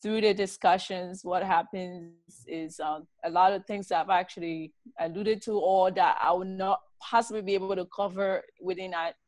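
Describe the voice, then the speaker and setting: A tired middle-aged woman from Liberia, giving a relaxed, chatty talk over a laptop video call from a home study. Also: fairly low pitch, moderate pace, few pauses, dry recording. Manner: relaxed, chatty, laughs often. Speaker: guest speaker.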